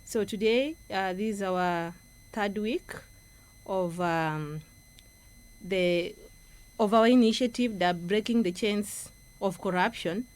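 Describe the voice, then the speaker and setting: A woman's voice: mid-range voice, takes it slowly, darkish tone. A Kenyan woman, a project coordinator and guest speaker, giving an earnest, instructive talk in a radio studio.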